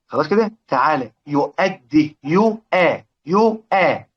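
Animated Egyptian man teaching recitation. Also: on the high side, lo-fi sound. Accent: Egyptian Arabic. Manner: asks the listeners questions and answers them himself; drags out example words slowly. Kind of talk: explanatory lesson.

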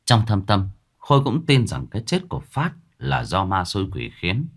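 A man narrating a ghost story in a dramatic, expressive way. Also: on the low side, moderate pace, vocal fry, husky.

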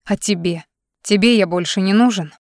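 A woman's voice: medium pitch, normal speed, darkish tone, dry recording, clean studio sound, natural voice. A woman reading an audiobook, voicing an urgent, insistent man arguing with his lover over the phone. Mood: pleading.

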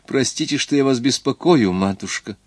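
A man's voice: medium pitch, lively intonation, normal speed, no echo, voice pushed up, close to an everyday voice. A man reading the part of a pale, nervous, polite young lady in an audiobook. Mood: faint.

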